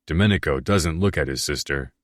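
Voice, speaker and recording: Very deep male audiobook narrator. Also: fairly quick, no echo, studio quality. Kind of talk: first-person audiobook narration.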